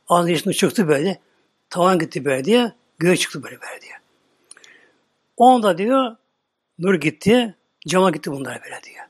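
A male preacher retelling a story in a slow, dramatic sermon, often dropping into a whisper. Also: a little high, slightly rough, no echo, clean studio sound.

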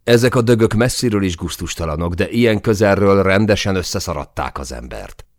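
A man reading a first-person audiobook in a tense manner, rising to shouts in the dialogue. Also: sits low, animated, dry recording, studio quality. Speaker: audiobook narrator.

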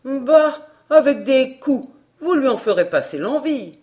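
A scheming old beggar woman who pretends to be simple, wheedling and scornful as she bargains, as a woman reading a storybook puts her on. Her voice rises a little higher and louder, and it swings widely in pitch. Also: expressive, unhurried.

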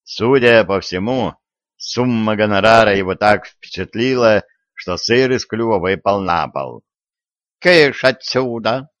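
A man narrating an audiobook in a steady, even storytelling manner. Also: lowish voice, measured pace, no room sound. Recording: dry, dull lo-fi audio.

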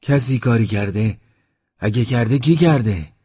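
A man's voice: medium pitch, mellow, slightly rough, voice pushed up. A man voicing a sick, frightened old village headman who pleads anxiously, in a dull lo-fi audiobook recording. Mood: frightened pleading.

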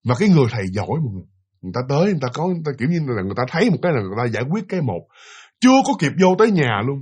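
A man narrates a ghost story at a fast clip. His husky voice swings widely in pitch as he chats straight to his listeners, animated throughout. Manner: animated, chatty, addresses listeners directly.

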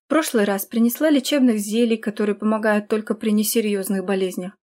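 A woman reading a fantasy audiobook in steady, scripted storytelling narration. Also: mid-range voice, a little fast.

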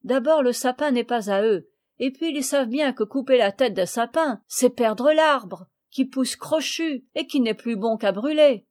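Woman reading as a gruff loyal peasant. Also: a little high, measured pace, few pauses, a little mellow, no room sound, studio quality, close to an everyday voice. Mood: blunt. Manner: blunt, threatening, mocking.

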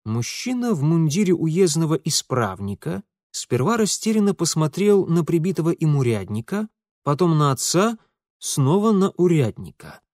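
A man's voice: fairly high pitch, very animated, a little mellow, dry recording. Man reading a novel aloud, dry studio sound. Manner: measured storytelling. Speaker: audiobook narrator. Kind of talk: scripted narration.

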